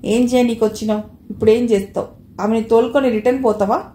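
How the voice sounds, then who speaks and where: A man's voice: very high-pitched, steady tone, brisk, dark tone. A woman reading the lines of an angry middle-aged man, an auto driver who scolds in Telangana Telugu. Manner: angry, lecturing. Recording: roomy echo, faint noise.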